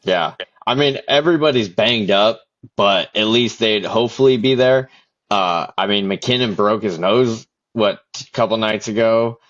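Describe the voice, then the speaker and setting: Chill guy co-hosting a hockey podcast, lowish voice, says dude a lot, kinda muffled lo-fi audio. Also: moderate pace, a bit bright. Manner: laid-back, says dude and yeah a lot. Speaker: podcast co-host. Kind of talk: casual sports chat. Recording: dull lo-fi sound.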